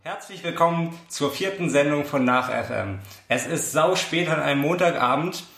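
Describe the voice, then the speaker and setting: A young man in his twenties co-hosting a podcast, talking in a rambling, ironic, deadpan way. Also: a little high, normal speed, creaky, faint music behind. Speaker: podcast co-host. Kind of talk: casual chat. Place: friend's flat. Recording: roomy room sound.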